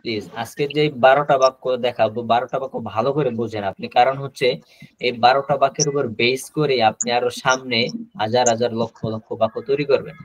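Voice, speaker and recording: A man teaching a spoken-English class over a video call, repeating each example slowly and drilling pronunciation. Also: medium pitch, steady tone, no room sound.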